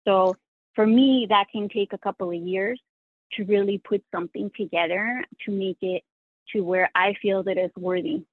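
Heard through a tinny phone line with a dry sound, a woman's mid-range voice holds a steady tone at normal speed, with no room sound. Spanish is her first language, and as a sewing content creator guesting on an interview she speaks earnestly, reflectively and self-critically.

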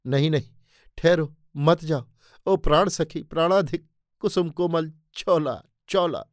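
A man's voice: mid-range voice, lively intonation, normal speed, no room sound, close to an everyday voice. A male narrator gives voice to an anguished, lovesick king from an audiobook tale. He pleads with rising passion, and the sound is close and dry. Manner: pleading, impassioned.

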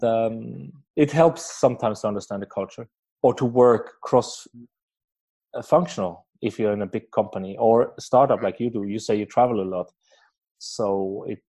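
A man with a fairly low, warm voice and a breathy edge hosts a podcast interview, keeping a steady tone at a moderate pace. He is Swiss and not an English speaker, and the casual chat is full of fillers, restarts and frequent laughs.

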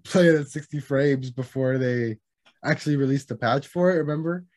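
A man's voice: mid-range voice, moderate pace, a little mellow. Rambling, swearing young man. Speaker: podcast co-host. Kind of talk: casual gaming chat.

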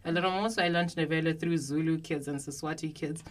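Young woman from zimbabwe on a podcast, really low voice, calm and reflective, some ums. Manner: measured, reflective, fillers. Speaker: podcast guest. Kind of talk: casual podcast discussion.

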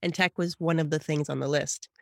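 A woman in her thirties hosting a podcast interview, upbeat and quick to laugh. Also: low voice, fairly even intonation, gravelly, no echo, studio quality. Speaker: podcast host.

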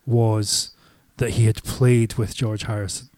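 A man's voice: on the low side, little pitch movement, measured pace, darkish tone, no echo, clean studio sound. A man chatting casually as a podcast co-host, hesitant and often circling back to rephrase his thought. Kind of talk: casual chat.

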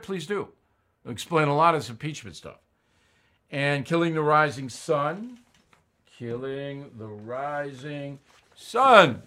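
A man's voice: mid-range voice, a bit bright. A man hosting an opinion commentary show, talking bluntly and conversationally with frequent fillers.

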